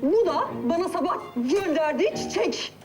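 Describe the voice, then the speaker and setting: A frightened, high-voiced young woman. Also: lively intonation, music in the background. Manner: panicky, pleading, quick to accuse. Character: frightened, agitated young woman who feels stalked. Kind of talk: TV series acting.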